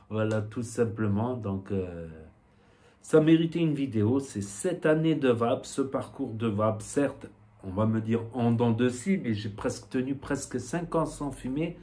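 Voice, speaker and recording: A man's voice: mid-range voice, darkish tone. A man with a southwestern French accent talking casually to the camera in a vlog, rambling with many fillers and a repeated "voilà". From southwest France. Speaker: YouTuber.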